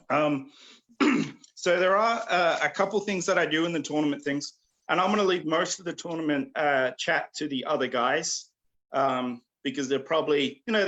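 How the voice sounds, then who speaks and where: A man with a slightly raised pitch gives a casual lesson over a video call. He rambles, leans on "like" as a filler and keeps clearing his throat. He comes from Australia or New Zealand. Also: fairly bright tone, highs cut off. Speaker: combat instructor. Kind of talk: casual virtual class talk.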